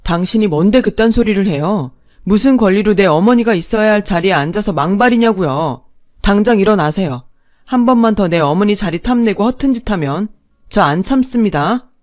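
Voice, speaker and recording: A woman's voice: medium pitch, animated, moderate pace, darkish tone, dry recording, studio quality, close to an everyday voice. A woman voicing a protective young husband who speaks firmly and angrily. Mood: angry. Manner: firm and angry.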